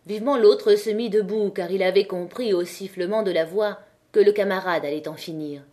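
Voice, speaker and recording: A woman narrating an audiobook of a classic novel. Her reading is measured and expressive, at a middling pitch for a woman.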